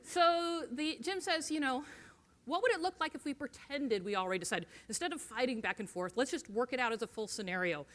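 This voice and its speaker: A woman giving a conference talk, telling stories in a lively way and acting out the quoted voices. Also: high voice, brisk. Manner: animated storyteller, acts out quoted voices. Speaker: conference speaker. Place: conference stage.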